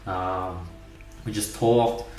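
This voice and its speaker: A man's voice: sits low, steady tone, extremely slow, darkish tone, soft background music. A young man hosting a podcast, telling a story in casual chat with lots of "like" fillers. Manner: rambling, many "like" fillers. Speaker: podcast host. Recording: roomy echo, mic at a distance.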